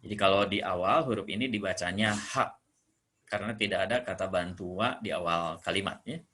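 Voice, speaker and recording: A man from Indonesia teaching Japanese greetings, patiently explaining and slowly repeating each phrase. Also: deep voice, pushed and bright. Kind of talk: classroom explanation.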